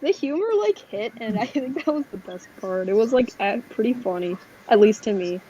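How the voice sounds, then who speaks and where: A woman's voice: on the high side, lively intonation, moderate pace, highs cut off, a crowd in the background. A woman co-hosting a podcast in casual chat, giggling between phrases. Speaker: podcast host.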